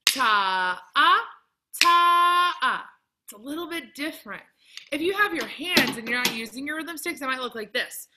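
A woman, around her thirties, leads a children's music lesson in an animated, encouraging, sing-song kindergarten teacher voice, recorded in a classroom on a computer mic. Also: high voice, a little fast, background noise. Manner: animated, exaggerated clear delivery for children. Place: empty classroom. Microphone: computer mic at arm's length, video call.

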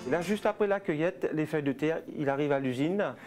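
A man guiding visitors through tea fields and a factory, explaining in halting sentences full of fillers. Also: fairly high pitch, darkish tone, soft background music. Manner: halting, with frequent fillers and restarts. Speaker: tea estate guide. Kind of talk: explanatory interview answers.

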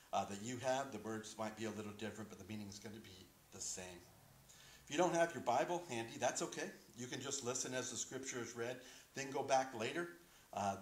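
Man, middle-aged, mid-pitched, easygoing sermon delivery, filler-heavy, small reverberant sanctuary. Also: brisk. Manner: relaxed, joking asides, many fillers. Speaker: pastor. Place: small wood-paneled church sanctuary, indoors. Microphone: podium microphone. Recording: roomy church echo.

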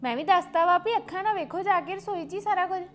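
A woman playing a quarrelsome, sharp-tongued young wife in a family drama. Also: very high voice. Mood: indignant. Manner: fast, sharp and retorting.

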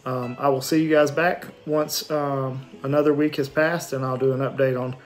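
Halting middle-aged man, sore after surgery. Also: mid-range voice, flat delivery, low-quality recording. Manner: halting, matter-of-fact, frequent pauses and throat clearing. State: sore throat, swollen numb lip and jaw after surgery. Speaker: vlogger giving a post-surgery recovery update. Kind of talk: casual unscripted video diary. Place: small indoor room at home with shelves. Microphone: phone or webcam at arm's length.

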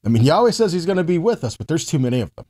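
Racing along and very animated, this forties-aged man delivers a teaching sermon to camera, reading scripture and asking rhetorical questions in an emphatic, conversational way. His pitch is a little high and his tone a little mellow.

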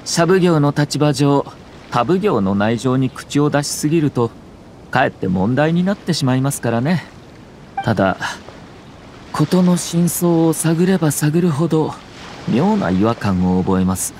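A man voices a shrewd young nobleman and clan head in video game dialogue, courteous, polite, composed and formal, with a measured, analytical mood. His voice is on the high side, sing-song and a little slow, with a darkish tone and slight background noise.

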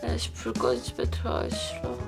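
A woman's voice: a little high, very animated, moderate pace, music in the background. An actress in her twenties playing a brash, volatile young woman in a romance film. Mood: drunken, petulant. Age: 20s. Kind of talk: naturalistic Korean film acting.

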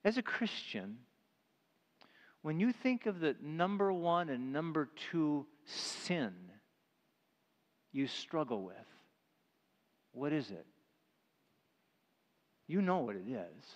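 A middle-aged male pastor preaching a sermon with emphasis, who drops to a hush when he retells tender moments. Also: a little high, sing-song, slow pace, long pauses, long reverb tail, highs cut off. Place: church sanctuary.

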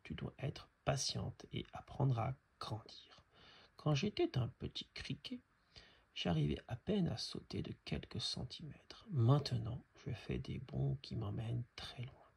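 A man voicing a kind, patient male cricket in a storybook, talking in an encouraging way with a gravelly, husky voice. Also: medium pitch, lively intonation, a little slow, full character voice. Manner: warm, encouraging.

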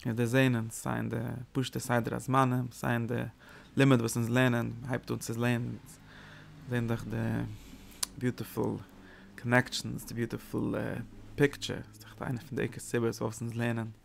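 Gravelly-voiced man giving a religious lecture. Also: medium pitch, normal speed, a little hiss or hum. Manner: animated, emphatic bursts, mixes in English words. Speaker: Torah teacher.

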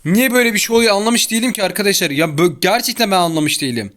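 Very fast and animated, a young man with a high, bright voice narrates his own gameplay for his channel, complaining and sounding exasperated in slangy banter. A child can be heard outside the open window of the home room he records in.

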